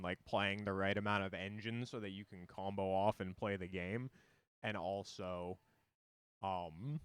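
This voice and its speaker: A man with a lowish, smooth voice talks casually while streaming a card game. He rambles loosely, leaning on "like" as a filler. The sound is dry and close, from a desk mic at home. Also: a bit bright, no room sound.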